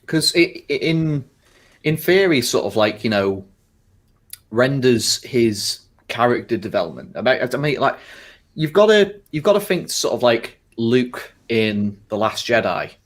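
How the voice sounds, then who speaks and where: A man's voice: medium pitch, big pitch swings, unhurried. A man hosting a casual podcast chat, rambling with constant fillers and frequent swearing. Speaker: podcast host.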